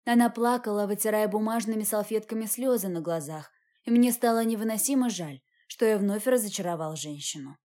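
A woman reading a first-person novel aloud as an audiobook, in an even, measured way. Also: medium pitch. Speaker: audiobook reader.

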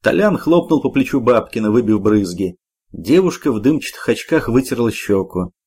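A man's voice: mid-range voice, animated, moderate pace, darkish tone, breathy edge. A man narrating a novella as a home-made audiobook, reading expressively.

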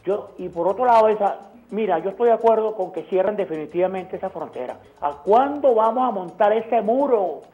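A woman's voice: mid-range voice, expressive, fairly quick. A woman calling in to a radio show with her phone held away, so she sounds faint. She talks indignantly and stumbles over words. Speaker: radio call-in caller. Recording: dull, faint phone line.

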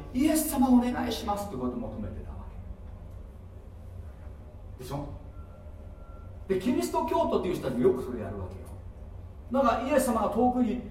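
A man preaching a sermon as pastor, animated and full of rhetorical questions, with sudden loud bursts of emphasis. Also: high voice, slight background noise. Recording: echoey hall, distant mic.

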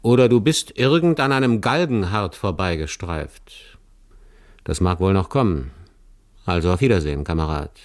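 A man voicing a rough, commanding male forest robber in an audiobook, gruff and blunt. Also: low voice, expressive, moderate pace. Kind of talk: audiobook character voice.

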